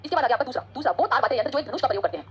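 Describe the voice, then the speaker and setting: Fast-talking husky woman teacher. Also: sits high, lively intonation. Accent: Hindi-English code-switching. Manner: fast, chatty, switches between Hindi and English. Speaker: exam prep teacher. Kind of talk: online exam-prep lecture.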